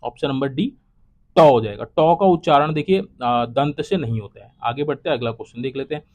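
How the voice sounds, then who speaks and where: A young man teaching exam prep, working through quiz questions one by one and repeating each answer, his voice trailing low at the end of each. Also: fairly quick, darkish tone. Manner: repetitive, drops to a low trailing voice at each close. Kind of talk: solving quiz questions aloud.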